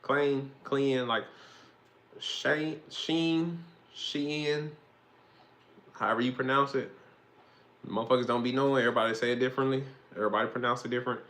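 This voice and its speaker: A man's voice: medium pitch, level tone, fast, fairly bright tone. A young man, hosting a casual, rambling football monologue with slang and swearing. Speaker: host.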